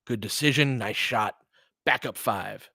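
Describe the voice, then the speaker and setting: A middle-aged online basketball host calls a game live in a casual, opinionated way, chatting with listeners and reacting aloud to the action. His mid-range voice is measured, husky, pushed and bright, with vocal fry. The sound is studio quality with no echo.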